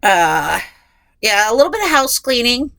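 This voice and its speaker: Recording a chatty solo podcast in a closet, a woman still recovering from a head cold sounds nasal and congested as she rambles in a self-deprecating way. Her voice is fairly high, a bit bright and very animated, with vocal fry at normal speed, and the recording is dry.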